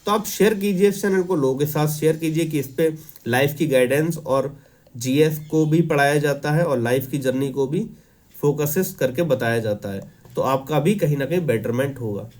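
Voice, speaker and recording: Calm Hinglish-speaking male exam tutor. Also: fairly high pitch. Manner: reads English lines slowly, then explains in Hinglish. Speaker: exam prep teacher. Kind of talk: Hindi lecture explaining an English editorial.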